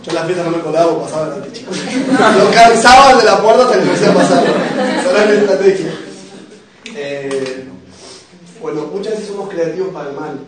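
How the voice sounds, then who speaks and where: A young man with a Rioplatense Argentine accent preaches to a youth group, his high voice animated and brisk over a noisy crowd. He cracks jokes, tells emotional personal stories and puts questions to the audience. The room is very echoey and he is picked up from a distance.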